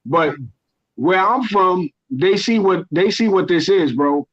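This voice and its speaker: A man from Ghana appears as a podcast guest for a relaxed crypto conversation, wandering from point to point with passion and often catching and correcting himself. His high, somewhat bright voice is animated yet slow. The audio is dull, lo-fi stream quality.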